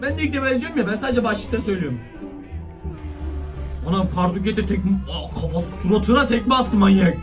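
Excitable high-voiced man reacting. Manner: excitable, exclaiming, slangy. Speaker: video reaction host. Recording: distant mic with faint music.

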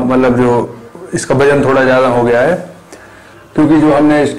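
A man's voice: mid-range voice, a little mellow, rough recording. A young man casually explaining a homemade machine step by step, with hesitant fillers and restarts, recorded on a camera a few metres away in a small bare room. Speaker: maker showing a build.

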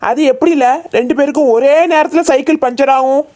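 A woman's voice: high voice, steady tone, brisk, warm tone, lightly acted. A woman voicing a stern tuition teacher in a cartoon, scolding and bossy.

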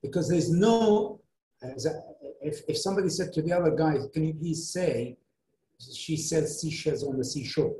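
A man's voice: fairly high pitch, normal speed, dark tone. A middle-aged man with Arabic as his first language, giving an academic lecture in English in a hesitant way, full of fillers and restarts. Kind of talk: academic lecture answering a question. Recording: roomy echo.

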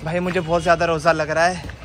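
A man joining a vlog in casual chat, relaxed and teasing. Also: a little high, a little fast. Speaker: vlog companion. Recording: noisy outdoor phone recording.

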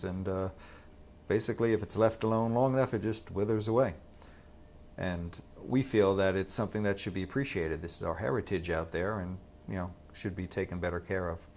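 Brief: thoughtful, low-voiced detectorist man, conversational, faint rumble. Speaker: metal detectorist. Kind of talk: documentary interview.

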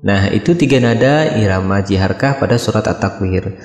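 A man's voice: lowish voice, normal speed, darkish tone. A man hosting a recitation lesson, explaining steps plainly and encouraging viewers to follow along. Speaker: host and recitation teacher. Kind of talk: friendly instructional talk. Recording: echoey room with long reverb.

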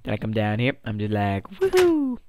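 A man's voice: lowish voice, flat delivery, fairly quick, a little mellow, highs cut off, slight background noise. A young man hosting a gaming channel, a bit sick with voice cracks, chatting playfully and rambling through his let's-play. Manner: playful and rambling, with silly sing-song hype bits. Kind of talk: casual let's-play commentary.

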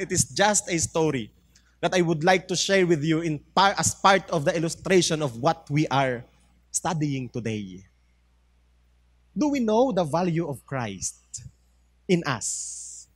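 A man with a Filipino accent, preaching a sermon as a pastor and telling an illustrative story in an animated way. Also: sits high, no echo. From Philippines. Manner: animated storytelling mixed with English.

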